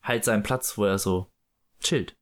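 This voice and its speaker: A man with a lowish, slightly slow voice hosts a casual chat and book read-aloud, retelling a story loosely with plenty of fillers as he reads and discusses the book.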